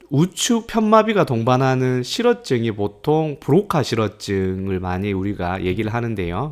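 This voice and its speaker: A man lecturing on speech disorders, explaining each point step by step and acting out patients' speech errors aloud, with frequent fillers. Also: mid-range voice.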